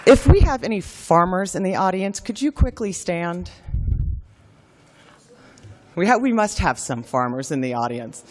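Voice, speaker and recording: A woman's voice: lowish voice, expressive, unhurried, pauses often, big-room sound. A woman giving a formal speech at a forum, gracious and earnest, telling a personal family story. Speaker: keynote speaker at a forum.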